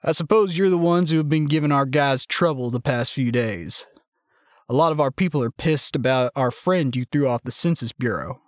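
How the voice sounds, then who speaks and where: A man voicing a young male militia leader who talks in a calm, sardonic, unhurried way. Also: mid-range voice, no echo, studio quality, lightly acted. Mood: cool menace.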